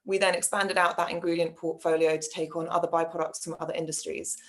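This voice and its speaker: Lower-pitched woman founder introducing her business. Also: flat delivery, quick pace. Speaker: panelist, company co-founder.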